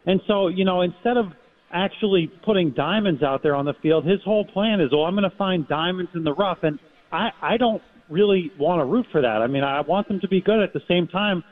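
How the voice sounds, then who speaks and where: Guy calling in to a radio show, thin tinny phone sound, voice a little on the high side, halting, lots of "you know". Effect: heard over a phone line. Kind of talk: casual call-in opinion. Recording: tinny phone-line audio.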